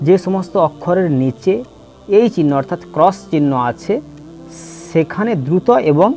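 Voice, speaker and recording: A man teaching letter pronunciation in a slow lesson, patiently repeating and drawing out each sound for students to follow. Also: a little high, a little mellow. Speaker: Quran reading teacher. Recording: dull lo-fi with faint music.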